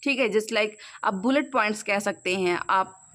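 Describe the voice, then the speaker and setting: A young woman teaching English on a screen-recorded tutorial, mixing Hindi with English and reading English lines slowly aloud. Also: medium pitch, a bit bright. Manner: Hindi-English mix, slows down to read English aloud.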